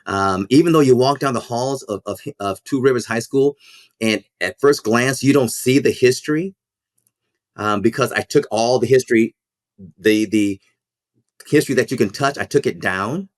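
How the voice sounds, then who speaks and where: In a clean studio recording with no room sound, a man with a mid-range voice answers podcast interview questions. He works as a school principal and a minister, and his earnest, reflective speech halts often, with words repeated while he thinks.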